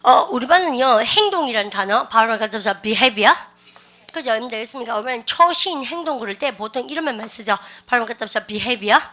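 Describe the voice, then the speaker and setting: Woman vocab teacher, fairly high and bright-toned, lively and coaxing with the class. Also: fairly quick. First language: Korean. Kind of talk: classroom lecture.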